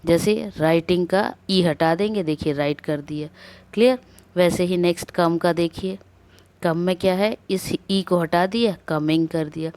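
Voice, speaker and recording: A woman with a somewhat low voice gives a grammar lesson. She explains each rule step by step, checks that her students follow, and reads the English rules out slowly and carefully. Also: darkish tone, clear, resonant tone. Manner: explains step by step with repeated rhetorical questions and checks. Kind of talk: classroom lecture on grammar.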